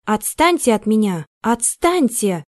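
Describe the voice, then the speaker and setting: A woman's voice: a little high, very animated, measured pace, warm tone, no room sound, studio quality. A woman voicing a startled young woman guest who speaks nervously but firmly. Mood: alarmed. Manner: nervous, then stern.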